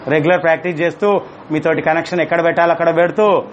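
A man's voice: a little high, steady tone, racing, lo-fi sound, a little hiss or hum. A man teaching a spiritual class, playful and laughing as he keeps asking his audience questions.

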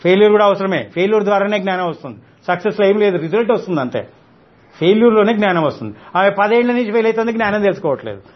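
Spiritual teacher, male, high voice, fiery rhetorical scolding, dull lo-fi recording. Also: lively intonation, racing. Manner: scolding, rhetorical questions, mixes in English words. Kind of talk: spiritual discourse to an audience.

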